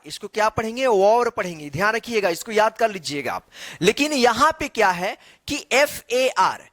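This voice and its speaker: Bright, slow-spelling male English teacher. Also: sits high, dry recording. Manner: spells words letter by letter, then repeats the reading; asks the class questions and answers them himself. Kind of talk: spoken English lesson.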